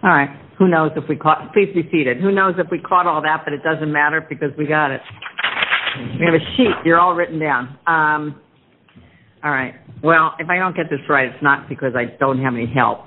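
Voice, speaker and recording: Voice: mid-range voice, a little fast. A presiding judge questioning counsel in an informal, plain-spoken way. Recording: thin phone-like courtroom audio.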